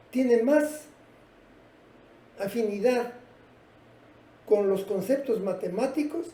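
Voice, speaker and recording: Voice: medium pitch, dark tone. A teacher giving a patient lesson and asking the class rhetorical questions. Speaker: English teacher. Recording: roomy, from a distance.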